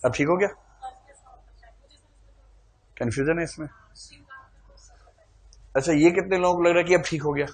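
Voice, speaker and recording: A man's voice: fairly high pitch, normal speed, pauses often. A man teaching a classroom lecture, playfully quizzing his students and calling on them to answer.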